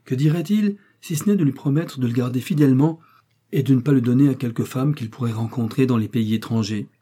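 A man's voice: medium pitch, fairly quick, dark tone, breathy edge, lightly acted. A man voicing a surly impostor sea captain who answers scornfully. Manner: scornful, dismissive.

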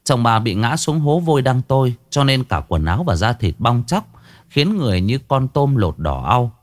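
A man narrating a ghost story as a storyteller, telling it in a dramatic, expressive way. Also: medium pitch, normal speed.

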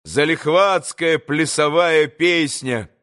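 A male audiobook narrator reads a classic novel in a measured, dramatic way. His voice sits fairly high for a man, and he unfolds each sentence slowly. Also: fairly bright tone.

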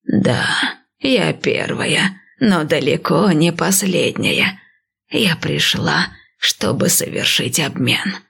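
A woman voicing an old blind priestess and seer, speaking slowly and calmly. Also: deep voice, gravelly, breathy edge, full character voice. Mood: calm, wise. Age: older. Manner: slow, calm, measured.

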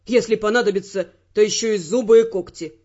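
A woman's voice: medium pitch, fairly quick, warm tone, lo-fi sound, pitched below the performer's own voice, close to an everyday voice. A woman voicing a wry, persistent young male secret agent who argues his point evenly. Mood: earnest.

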